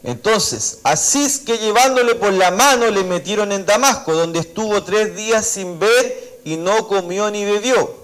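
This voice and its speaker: High-voiced Chilean pastor preaching. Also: male voice, animated, measured pace, few pauses, fairly bright tone, poor audio. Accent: Chilean Spanish. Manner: preaching with frequent "amén", reading scripture aloud and acting out the dialogue. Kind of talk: sermon. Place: church service.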